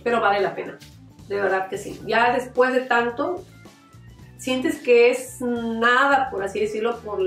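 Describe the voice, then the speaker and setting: A middle-aged mother speaks heartfelt and reflective, often restarting her sentences, at an ordinary pitch for a woman. Her voice rings in an echoey room, picked up from some distance by the mic. Faint music plays underneath. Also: gravelly. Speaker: mother of a former camp participant. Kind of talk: interview, personal testimony.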